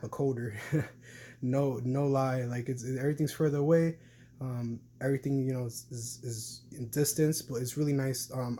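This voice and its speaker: A young adult vlogger from New York City talks casually to camera, rambling with many fillers and restarts. His voice is mid-range and mellow, with a little hiss or hum in the recording.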